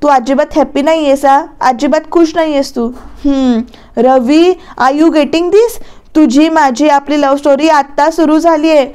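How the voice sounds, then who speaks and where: A woman's voice: high voice, fairly even intonation, unhurried, darkish tone. A woman voicing a bubbly young girlfriend in a serial recap, coaxing and teasing her boyfriend, with English phrases mixed in.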